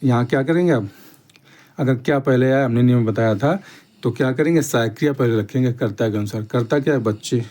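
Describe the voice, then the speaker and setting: A man's voice: medium pitch, warm tone. A man teaching a grammar lesson step by step, repeating each point and checking in often with the class. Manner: slow, repetitive explaining with frequent "theek hai" check-ins.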